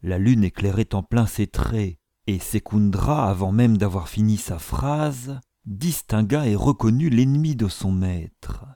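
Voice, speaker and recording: A man reading a novel aloud as narrator, with measured, grave storytelling. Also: on the low side, warm tone, no echo, studio quality. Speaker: audiobook narrator.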